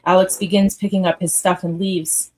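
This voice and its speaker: A woman's voice: fairly low pitch, flat delivery, moderate pace, rough recording. A woman narrating a radio theatre piece, reading scripted stage directions.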